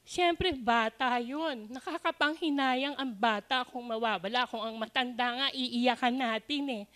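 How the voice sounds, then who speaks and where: High-voiced older Filipino woman testifying. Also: measured pace, fairly bright tone. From Philippines. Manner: earnest, mixing in English phrases. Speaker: church member giving testimony. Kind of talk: emotional church testimony.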